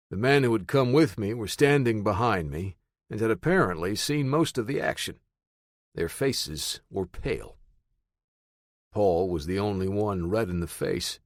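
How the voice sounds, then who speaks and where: Male narrator, lowish voice, steady matter-of-fact reading, dry close sound. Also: no echo. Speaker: audiobook narrator. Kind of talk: first-person audiobook narration.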